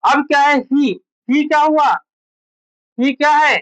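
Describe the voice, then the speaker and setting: A woman with a high voice gives a grammar lesson in a classroom, speaking slowly in a steady, slightly bright tone. She keeps quizzing her students with repeated questions and then answers them herself. The audio sounds dull.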